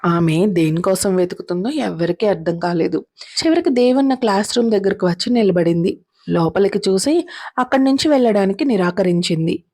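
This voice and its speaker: A woman narrating a serialized drama story in a steady, dramatic reading style. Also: mid-range voice, no room sound, studio quality.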